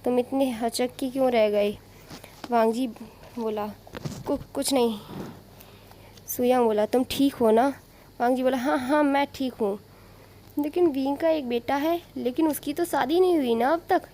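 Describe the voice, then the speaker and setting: A woman's voice: high-pitched, unhurried, pauses often, warm tone, slight background noise. Woman casually retelling a fan story. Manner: informal retelling with asides and restarts.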